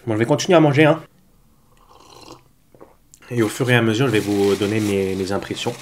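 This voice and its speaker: A man with a lowish, slightly mellow voice speaks briskly and animatedly, with a bit of hiss or hum and a cold-stuffed nose. He chats casually, if a little hesitantly, to camera while hosting a mukbang food review vlog at home.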